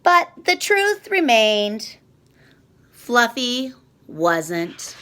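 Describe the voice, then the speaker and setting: A woman reading a children's picture book aloud, slow and expressive. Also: a little high. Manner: slow, expressive, sing-song. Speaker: storyteller.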